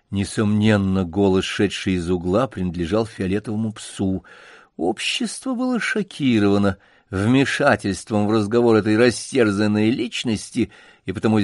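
A man narrating a storybook in a measured, expressive way. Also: lowish voice, no echo, studio quality.

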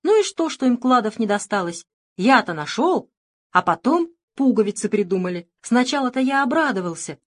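A woman voicing a spoiled, petulant rich young man who whines and shouts. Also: mid-range voice, expressive, fairly quick, hardly any pauses, close to an everyday voice. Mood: whining.

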